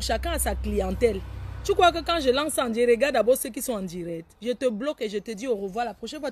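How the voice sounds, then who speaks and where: Woman on a facebook live, kinda high voice, teasing and chatty. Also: breathy edge. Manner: animated, teasing, laughs often, scolds viewers. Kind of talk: casual live-stream chat reading viewer names.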